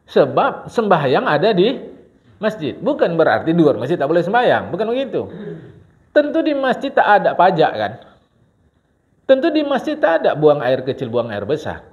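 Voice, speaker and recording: A man teaching a mosque congregation, talking in an animated way with a lilt and often calling out to his listeners. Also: a little high, moderate pace. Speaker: religious teacher. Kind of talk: mosque study-circle sermon. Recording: dull lo-fi recording.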